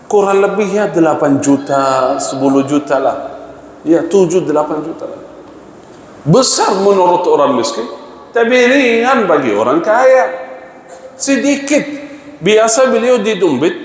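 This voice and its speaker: A man's voice: high-pitched, lively intonation, a little slow, a little hiss or hum. A male preacher gives a storytelling sermon. His voice rings through a large, echoey mosque with a long reverb tail. A faint murmur of ambience sits underneath as he acts out the characters. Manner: asks the congregation rhetorical questions.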